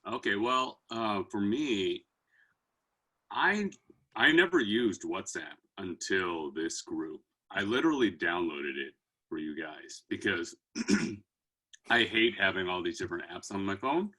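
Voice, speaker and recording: A very low-pitched man in his thirties with a bright, forward tone. He speaks earnestly on a video call, pausing often with fillers as he gathers his thoughts. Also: expressive, breathy edge, low-quality recording. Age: 30s. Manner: earnest, hesitant, many fillers. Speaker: guest singer. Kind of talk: casual video-call chat.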